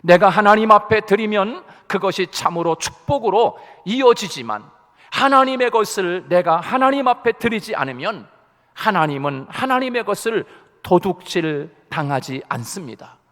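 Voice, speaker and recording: A man preaches from the pulpit with a high, animated voice that swoops up and down as he drives each point home. He repeats key phrases for weight, and his words ring out with a long church echo. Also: moderate pace. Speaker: pastor. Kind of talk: Sunday sermon. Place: church sanctuary.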